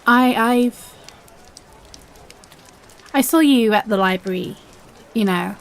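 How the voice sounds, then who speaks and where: A woman playing a shy, nervous young woman in an audio role-play, speaking haltingly and putting herself down as she confesses a crush. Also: on the high side. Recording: faint background noise.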